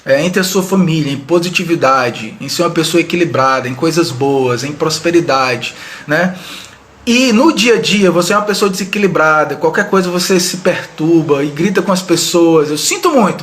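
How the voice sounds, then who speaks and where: A man runs a live online leadership training through a video-call-style webcam mic, speaking conversationally and addressing viewers directly with frequent tag questions. His voice is on the high side and a bit bright.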